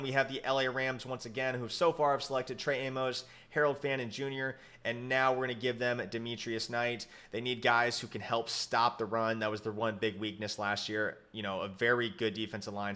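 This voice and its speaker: A man's voice: medium pitch, sharp tone. A young man with hiccups giving casual, rambling commentary on a football mock draft, often correcting himself. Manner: rambling, self-correcting, lots of fillers. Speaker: sports YouTuber.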